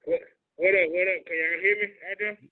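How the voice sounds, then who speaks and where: A man's voice: high-pitched, fairly even intonation, a little fast. A man in his forties, a radio DJ chatting on a video call, his voice hollow and muffled as if he were talking into a trash can. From Houston, Texas. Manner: laid-back, rambling, many fillers and restarts. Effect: hollow, muffled sound as if talking into a trash can. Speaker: radio DJ and record promoter. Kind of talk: casual panel chat on a video call. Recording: tinny phone-like call audio.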